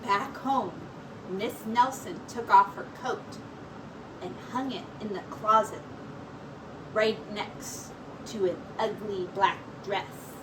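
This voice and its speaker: Woman teacher, expressive storybook reader for kids, unhurried delivery, recorded from a distance. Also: mid-range voice. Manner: expressive, encouraging, addressing young children. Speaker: teacher reading aloud to children. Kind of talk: animated picture book read-aloud. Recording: distant mic with clear background noise.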